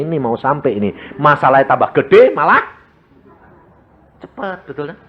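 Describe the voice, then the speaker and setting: A man preaching a sermon with a Javanese accent, animated and joking, tossing rhetorical questions at the congregation. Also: mid-range voice, breathy edge, lo-fi sound. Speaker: evangelist preacher.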